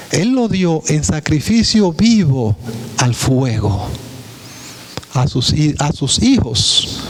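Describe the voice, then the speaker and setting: Male pastor preaching in church, emphatic, asks the room questions, slightly high voice. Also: rough recording. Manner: preaching with rhetorical questions to the congregation; emphatic, pitch dropping on key words. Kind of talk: sermon.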